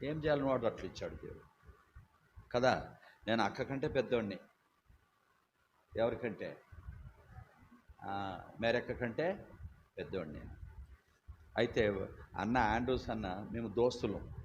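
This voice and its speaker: An older man, preaching a sermon with loud, emphatic storytelling. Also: lowish voice, a little slow, long pauses. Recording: dull lo-fi recording with faint hiss.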